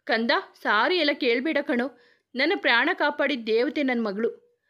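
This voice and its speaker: A woman's voice: high-pitched, normal speed, a bit bright. A woman voicing a grieving male police officer who is a loving father, speaking tenderly and pleadingly.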